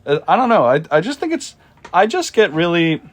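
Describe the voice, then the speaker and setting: A man's voice: high-pitched, sing-song, a little fast. Rambling enthusiastic man podcast host. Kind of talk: casual interview chat. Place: remote call.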